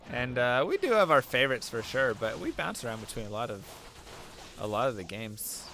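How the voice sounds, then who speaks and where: With a sing-song, fairly quick delivery at medium pitch, a young man sounds pushed and bright against slight background noise. He's casually talking while gaming on stream, fielding viewer questions and saying his voice is giving out.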